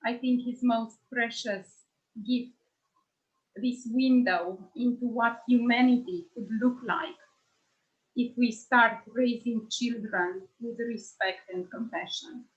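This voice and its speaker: A woman's voice: on the high side, slow. A woman trainer sharing an earnest, thoughtful personal reflection over a video call. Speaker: nonviolent communication trainer. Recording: dull lo-fi sound.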